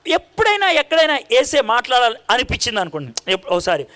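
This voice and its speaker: A male preacher with a high, bright, forceful voice delivers a sermon. He tells the story in lively, swooping tones, acting out each exchange and quizzing the listeners. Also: fast. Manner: animated storytelling, acting out dialogue and quizzing the congregation.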